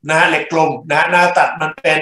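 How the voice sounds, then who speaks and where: A man's voice: fairly high pitch, flat delivery, quick pace, bright, forceful tone, faint music behind. A male engineering lecturer working through problems in class, speaking in short bursts and checking in with his students. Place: lecture room. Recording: echoey classroom.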